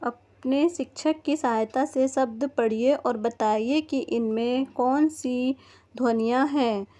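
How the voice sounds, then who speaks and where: A primary school teacher with a high, warm voice leads young children through a first-grade textbook lesson at a slow pace, patiently sounding out words letter by letter. The recording is dull and lo-fi.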